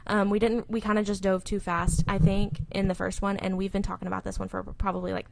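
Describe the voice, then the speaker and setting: A woman's voice: mid-range voice, flat delivery, quick pace, creaky, a little mellow, slight background noise. A young woman co-hosting a casual podcast, talking in rambling, filler-heavy sentences. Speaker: podcast co-host, salon owner. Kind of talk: casual chat.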